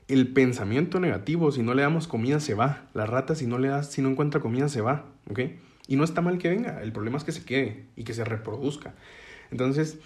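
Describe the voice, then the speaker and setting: A man's voice: mid-range voice, a little mellow. A man giving a casual, explanatory self-help talk, often checking in with listeners as he goes and leaning on everyday metaphors to make his points. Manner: conversational, checks in with listeners with frequent "ok?"; uses metaphors to explain ideas.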